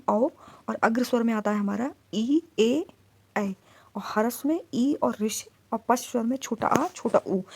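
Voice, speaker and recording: A woman teaching an exam-prep grammar lesson, putting questions to the class and answering them herself, and reciting letter sounds in slow lists. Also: fairly high pitch, a little mellow, dry recording.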